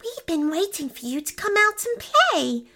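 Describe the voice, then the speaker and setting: A woman voicing a bouncy, excited female snow bunny in a children's storybook. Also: very high voice, moderate pace, pitched above the performer's own voice, heavily acted. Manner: bouncy, eager.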